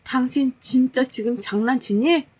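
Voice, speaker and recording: A woman voicing an exhausted, fed-up young working wife, scolding in a sharp, exasperated way. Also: high voice, a little slow, slightly rough, voice pushed up. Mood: angry.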